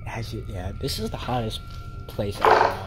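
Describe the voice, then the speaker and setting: A man's voice: lowish voice, very animated, normal speed, over loud music. A young man chatting loosely and swearing as he explores an abandoned building. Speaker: explorer vlogger. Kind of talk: casual exploring chat. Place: outdoors in a weedy field and inside an abandoned building. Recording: noisy outdoor camera audio.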